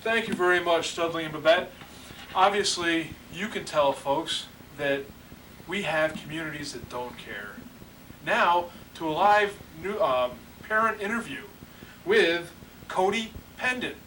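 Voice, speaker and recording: A man's voice: on the high side, a little slow, pushed and bright. A man playing an earnest, bumbling anchor in a spoof newscast, stammering through his questions. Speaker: news anchor. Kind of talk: parody news anchor, amateur spoof newscast. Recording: distant mic, clear background noise, clicks.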